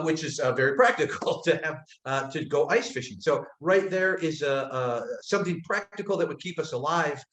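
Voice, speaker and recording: A man from upstate New York talks calmly about storytelling, stopping often on "uh" and letting his phrase ends drop soft. His voice is a little high for a man. The room around him rings with echo. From upstate New York, United States. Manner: thoughtful, many "uh" pauses, soft trailing phrase ends. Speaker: guest storyteller. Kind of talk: casual storytelling talk on a webinar. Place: indoors, abroad in Croatia.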